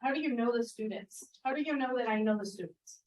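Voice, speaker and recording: This workshop presenter, a middle-aged woman, keeps a quick pace in a slightly high, mellow voice. She leads a classroom teaching session, questioning the group and repeating their replies.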